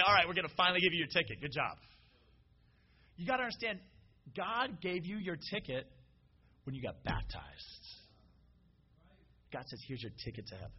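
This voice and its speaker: A man preaching a casual, animated sermon and calling out to the congregation. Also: a little high, slightly rough, lo-fi sound.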